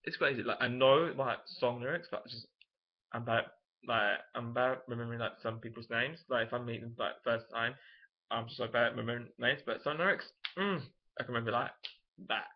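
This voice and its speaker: A young man telling an excited story in a casual vlog, full of "like" and fillers. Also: medium pitch, a little fast, highs cut off. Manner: chatty, filler-heavy, gushing. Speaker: vlogger.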